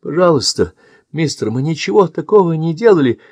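A man's voice: on the high side, sing-song, brisk, darkish tone, breathy edge, dry recording, voice pushed up. A man doing a terrified wailing boy. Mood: pleading. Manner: wailing, frantic begging. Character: terrified young boy, pleading and sobbing.

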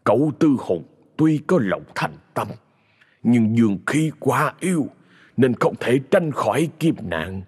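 Man doing a grave old exorcist, slow and solemn, husky, echoey w/ faint music. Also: medium pitch, big pitch swings.

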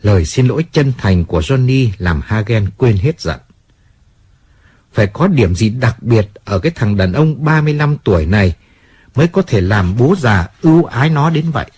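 A man narrating an audiobook in an expressive storytelling manner. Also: mid-range voice, normal speed, slight background noise.

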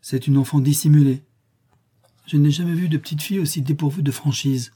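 Man voicing a stern pious maid, self-righteous scolding, raised pitch, husky. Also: fairly even intonation, fairly quick, dark tone.

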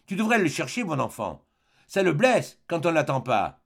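A man reading an audiobook, voicing a gentle, timid mother in a lifted voice. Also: on the high side, big pitch swings, moderate pace, gravelly, husky, full character voice. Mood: tender.

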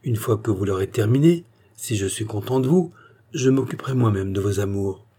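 Man reading as a gruff fatherly police chief. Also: lowish voice, lively intonation, brisk, warm tone. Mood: stern.

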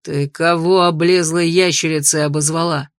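A woman voicing a brash young male dragon who mocks with a gruff manner and softens into tenderness, in an audiobook. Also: low-pitched, fairly even intonation, moderate pace, no room sound, studio quality, voice pushed down. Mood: angry. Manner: gruff and mocking, later soft and loving. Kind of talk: audiobook character voice.

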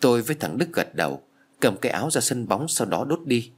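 A man narrating a first-person ghost story in an expressive reading. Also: medium pitch, a little fast, breathy edge.

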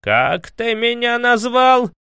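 A man's voice: very high-pitched, very animated, slow, pushed and bright, clear, resonant tone, no room sound, clean studio sound, pitched above the performer's own voice, exaggerated voice. A man voicing a fickle middle-aged prince who blusters and is easily flustered in an audiobook. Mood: blustering.

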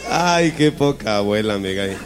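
A man's voice: on the low side, lively intonation, measured pace. A man telling crude jokes among friends, laughing often and toasting. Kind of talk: crude joke-telling over drinks. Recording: noisy party room with crowd.

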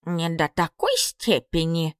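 A woman's voice: sits low, takes it slowly, clean tone, no room sound, studio quality. A woman voicing a stubborn, grumpy old witch who grumbles and sighs in an audiobook story. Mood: grumbling. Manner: grumbling, sighing.

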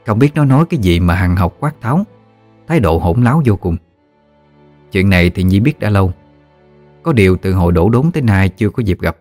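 A man narrates a ghost story in a steady, vivid telling. His voice is very low and deep. Faint music plays beneath him. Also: fairly quick, long pauses, no echo.

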